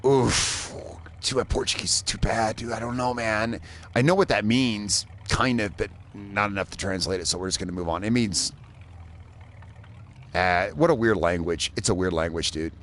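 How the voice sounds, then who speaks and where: A gaming streamer from Indiana plays live, chatting loosely, rambling, and swearing as he goes. His voice is lowish and a bit bright, at a moderate pace.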